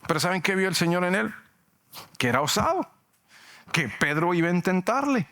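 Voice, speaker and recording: A male pastor preaching a sermon, animated and joking, acting out shouts from the story. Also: high voice, brisk. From Mexico.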